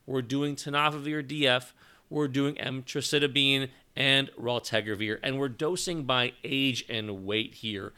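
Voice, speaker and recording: Man, podcast co-host, medical explainer, bright voice, steady delivery. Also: mid-range voice, clean tone. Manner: measured, explanatory. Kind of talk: educational medical podcast talk.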